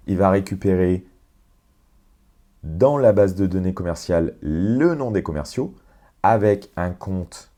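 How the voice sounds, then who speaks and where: A man walking through a software automation on screen, explaining step by step with fillers and self-corrections. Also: deep voice. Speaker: tutorial presenter. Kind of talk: screen-share software walkthrough.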